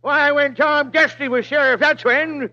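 High-pitched, blustering old town drunk. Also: male voice, fairly even intonation, measured pace, sharp tone, full character voice. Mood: blustering, defiant. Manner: folksy, tipsy, blustering town-drunk drawl. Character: excitable old frontier town drunk turned sheriff. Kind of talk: old-time radio western acting. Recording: dull lo-fi vintage radio recording.

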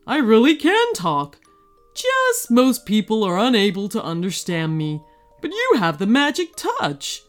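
A woman puts on a gentle storybook leopard, a kindly male creature who reassures lost children. He speaks slowly, with a lively, swooping lilt. Faint music plays underneath. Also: fairly high pitch. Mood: reassuring. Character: friendly talking male leopard, calm guide.

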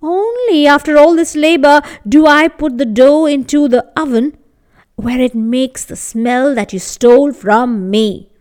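Woman doing a furious shouting baker man. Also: sits high, unhurried. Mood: indignant. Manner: accusing, indignant, insistent. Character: angry shouting male village baker.

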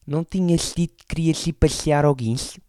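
A man's voice: a little high, normal speed, warm tone, clear, resonant tone, no room sound, studio quality, pitched above the performer's own voice, close to an everyday voice. A man voicing a stern, nagging middle-aged mother in a stand-up bit. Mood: insistent. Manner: insistent, scolding.

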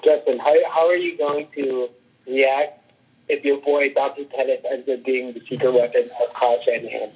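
A man's voice: medium pitch, level tone, normal speed, a little mellow, slightly rough. A man chatting casually about sports on a podcast, heard over a muffled, lo-fi connection. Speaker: podcast co-host or guest.

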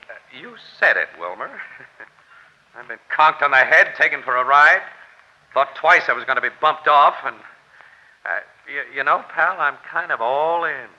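A brash, wisecracking crime photographer, his tone moving lively up and down. The voice is bright and cutting, heard through a dull, lo-fi vintage broadcast with faint music. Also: fairly high pitch, normal speed, heavily acted. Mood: wry. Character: tough, weary male crime photographer. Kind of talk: 1940s radio acting. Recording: dull lo-fi old radio broadcast.

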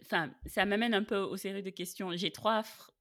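A woman's voice: mid-range voice, fairly even intonation, normal speed, a bit bright. A woman podcast host in casual conversation, informal, with the odd English interjection.

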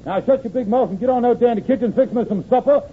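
High-pitched blustering henpecked husband, old radio comedy. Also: male voice, rapid-fire. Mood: blustering, indignant. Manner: blustering, folksy ungrammatical dialect speech. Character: blustering, henpecked lodge-leader husband, scheming and easily cowed. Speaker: comic actor. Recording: tinny, noisy old AM radio recording.

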